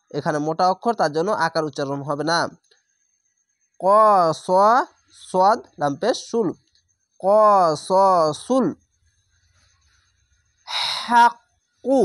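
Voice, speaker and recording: A woman's voice: lowish voice, dry recording, studio quality. Woman teaching Quran recitation letter by letter. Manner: spells out letters slowly, then draws out recited words; stresses throaty sounds by repeating them. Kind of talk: step-by-step recitation lesson.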